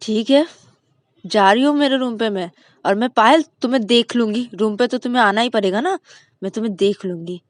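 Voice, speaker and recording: A woman voicing a bratty teenage girl who complains in a shrill, tearful way. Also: a little fast, a little mellow, dry recording, natural voice. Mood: sulky.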